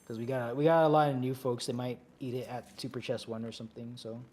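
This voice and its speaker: A man leading a game raid, calling out instructions briskly, repeating commands and slipping in joking asides. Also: mid-range voice, level tone, darkish tone. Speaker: raid leader. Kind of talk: calling instructions over voice chat while gaming.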